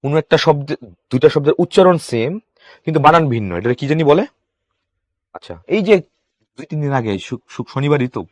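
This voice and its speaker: A man's voice: medium pitch, no echo. Man teaching English grammar, dry sound. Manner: asks students quick questions, then answers himself; reads English sentences slowly, then explains. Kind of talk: exam-prep grammar lesson.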